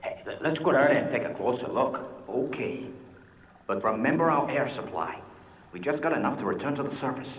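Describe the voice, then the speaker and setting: An actor playing an eager, greedy treasure-hunting diver in a sixties puppet adventure, in a dull, echoing recording. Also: male voice, expressive, a little fast, close to an everyday voice. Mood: eager, urgent. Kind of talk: 1960s puppet adventure series acting. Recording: dull, boomy sound with long echo.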